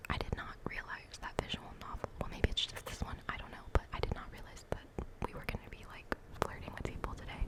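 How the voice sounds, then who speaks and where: Giggly whispering woman playing a game. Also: on the low side. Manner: soft, giggly, chatty whisper, reacting to a game. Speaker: ASMR creator. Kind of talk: whispered role-play.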